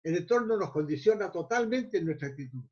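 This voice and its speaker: A male mindfulness teacher with a rather high, slightly mellow voice speaks expressively and at a fairly quick clip. His lecture is loose and meandering, marked by repeated words as he searches for the next phrase. The recording is muffled and lo-fi.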